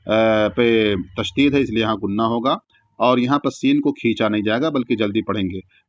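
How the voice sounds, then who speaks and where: A man teaching Quran recitation, chanting each verse slowly with long drawn-out sounds and then explaining the rules quickly in plain speech. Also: on the low side, no room sound, dull audio.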